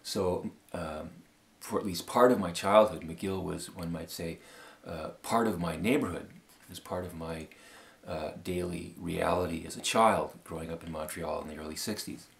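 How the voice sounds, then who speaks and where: A Canadian man in his fifties giving a formal, measured appeal statement with many pauses and fillers. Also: low voice, vocal fry. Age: 50s. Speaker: law school applicant.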